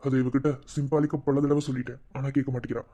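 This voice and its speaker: A man's voice: flat delivery, fast, mellow, close to an everyday voice. A man voicing a worried young married man in a cartoon, muttering his thoughts in a Madurai Tamil accent. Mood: brooding. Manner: low, muttering inner monologue. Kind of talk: cartoon voice acting.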